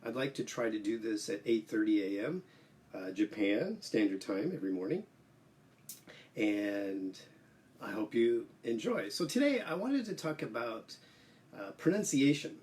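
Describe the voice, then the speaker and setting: A man hosting a casual solo livestream as an English teacher, explaining slowly with many "uh" fillers. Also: lowish voice, animated, darkish tone, distant mic.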